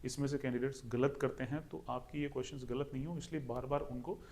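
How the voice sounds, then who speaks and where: With a faint hiss or hum in the recording, a young man from India teaches English pronunciation in an exam-prep session, his Indian-accented voice medium-pitched, fairly even, fast and slightly mellow. He repeats himself and breaks a question down step by step.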